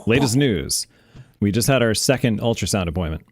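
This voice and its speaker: A man's voice: fairly low pitch, lively intonation, a little fast, a little mellow, no echo, clean studio sound. A man in his forties co-hosting a casual podcast, chatty and laughing often while he tells stories. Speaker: co-host.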